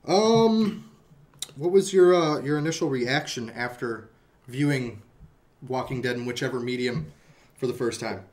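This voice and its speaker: A man's voice: medium pitch, a little slow, pauses often, a little mellow. A man hosting a casual podcast chat who rambles and restarts his sentences often. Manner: rambling, hesitant with frequent restarts. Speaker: podcast host.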